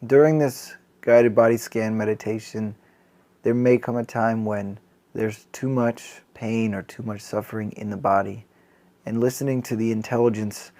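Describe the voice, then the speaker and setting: A mindfulness teacher with a medium-pitched voice leads a body scan meditation. He is calm, gentle and unhurried, leaving long pauses.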